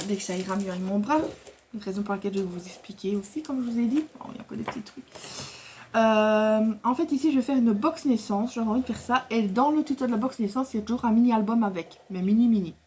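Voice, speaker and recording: A woman chats casually to camera about her craft supplies in a slightly high voice. She rambles and loses her thread, fills gaps with hesitations and laughs often. A faint hiss sits behind her voice. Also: fast, darkish tone. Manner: rambling and chatty, with many fillers and restarts; laughs often while talking. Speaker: scrapbooking vlogger showing a craft haul.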